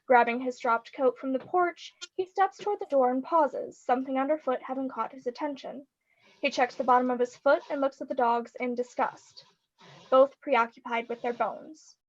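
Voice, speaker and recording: A woman reading the stage directions aloud in a live script reading over a video call, in a steady descriptive manner. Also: sits high, normal speed, muffled recording.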